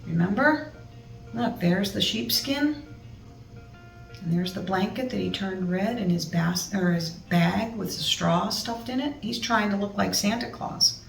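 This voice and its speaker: Reading a children's storybook to listeners, a woman speaks expressively and breaks off for chatty asides. Her mid-range voice is gravelly and unhurried, picked up by a distant mic in a roomy space with music playing.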